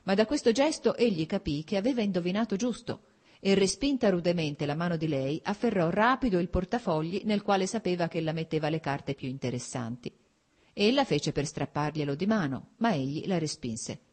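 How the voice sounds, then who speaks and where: A woman narrating a novel aloud in a measured, expressive literary reading. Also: on the low side. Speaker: audiobook narrator. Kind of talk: scripted narration.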